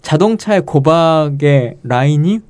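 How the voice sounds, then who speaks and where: Animated, explaining middle-aged man. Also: fairly high pitch, takes it slowly. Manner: explanatory, lively, laughs while telling anecdotes. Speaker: guest lawmaker. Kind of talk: casual podcast discussion.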